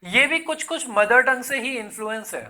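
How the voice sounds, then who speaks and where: In Hyderabad, a male English exam teacher gives a casual online lesson, chatting in Hindi sprinkled with English words and calling viewers "son." His voice is very high-pitched, bright and forceful, at a normal speed.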